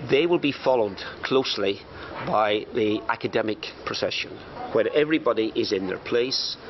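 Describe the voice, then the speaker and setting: A man, a college director, explaining a ceremony step by step in a deliberate way. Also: on the low side. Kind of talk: interview explanation. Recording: muffled with background noise.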